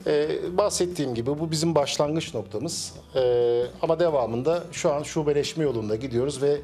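Measured middle-aged man, cafe owner. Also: fairly high pitch, warm tone, faint music behind. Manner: measured, with frequent hesitation fillers. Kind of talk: business interview. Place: small cafe indoors. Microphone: handheld interviewer mic.

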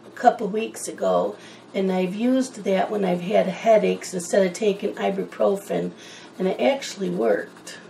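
A woman's voice: medium pitch, gravelly, slight background noise, rough recording. A woman chatting in a rambling, casual way while she colors, wandering from one topic to the next. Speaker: coloring channel host.

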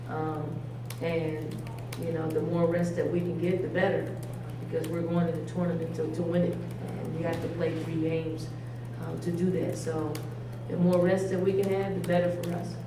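A middle-aged woman, a head coach, answering reporters at a post-game press conference in a measured way, with frequent ums and restarts. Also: lowish voice. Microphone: table mic from a distance. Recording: echoey room, distant mic, hiss.

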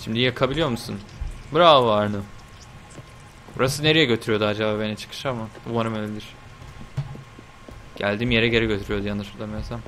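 A young man giving casual, chatty commentary while playing a video game, talking to the game and swearing lightly with sudden excited outbursts. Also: fairly low pitch, fast, pauses often. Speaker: gameplay video host. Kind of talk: casual let's-play commentary.

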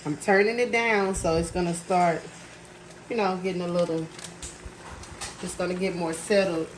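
A woman with a lowish voice and moderate pace vlogs her home cooking, filmed on a phone over the stove. Relaxed and chatty, she talks viewers through it and calls them y'all, while the echoey kitchen fills with sizzling pans and clattering pots.

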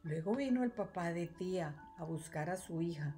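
A woman teacher reading a children's storybook aloud, clear and expressive. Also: lowish voice, normal speed, faint music behind. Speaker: third-grade teacher.

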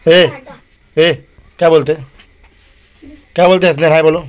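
A man's voice: on the high side, steady tone, normal speed, background noise. Male vlogger, chatty home-video host, coaxing manner. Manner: chatty, coaxing a pet cat. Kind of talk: casual family vlog chat.

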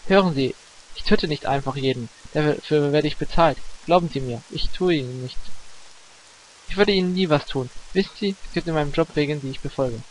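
A man's voice: fairly high pitch, a little fast, slight background noise, lightly acted, low-quality recording. A man voicing a weary middle-aged male hitman in his own plain voice, reading game dialogue with restarts. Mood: weary, earnest.

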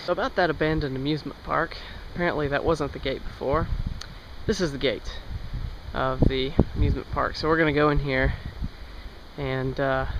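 A young travel vlogger with a slightly high voice narrates casually in first person as he walks an overgrown outdoor trail and railway line, chatty and musing, with wry asides. His camera's built-in mic captures clear, steady ambient noise, and the sound is muffled.

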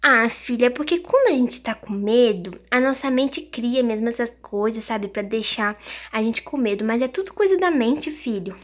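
A female vlogger in a casual role-play vlog, talking softly and gently in a motherly, coaxing way to her children and her viewers. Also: fairly high pitch, expressive, moderate pace.

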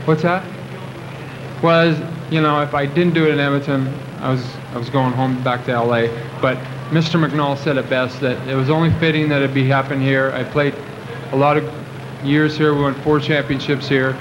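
A man's voice: medium pitch, steady tone, moderate pace, dull audio. A young man in his twenties answering questions after a game. He rambles, with many fillers and restarts. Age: 20s. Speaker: athlete at a post-game press conference. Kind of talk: post-game press conference answers. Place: press conference room. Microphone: table microphones at the podium. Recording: noisy old video recording.

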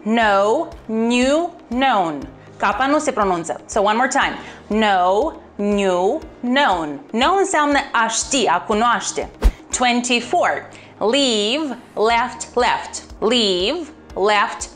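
A woman's voice: on the high side, expressive, soft background music. Upbeat woman teaching English. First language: Romanian. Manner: upbeat, encouraging, repeats words slowly and clearly. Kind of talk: online language lesson.

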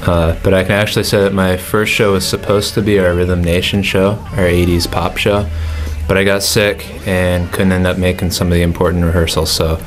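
A man's voice: deep voice, little pitch movement, fairly quick, hardly any pauses, faint music behind. An eighteen-year-old man answering interview questions casually, rambling a little with fillers, in a studio. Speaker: music school student. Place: indoor studio in front of a backdrop.

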